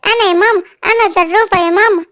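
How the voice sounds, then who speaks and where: A woman's voice: very fast, fairly bright tone. A woman with an Egyptian accent voicing a startled, chatty little girl giraffe in a children's cartoon story. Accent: Egyptian Arabic. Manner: squeaky childlike voice.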